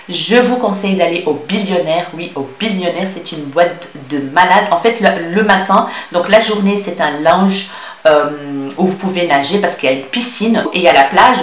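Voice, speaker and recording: A woman's voice: fairly low pitch, reverberant. Bubbly woman with a mixed Tunisian-Belgian French accent. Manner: bubbly and affectionate, hesitant "euh" fillers. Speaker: beauty vlogger. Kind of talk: casual chat answering viewer questions.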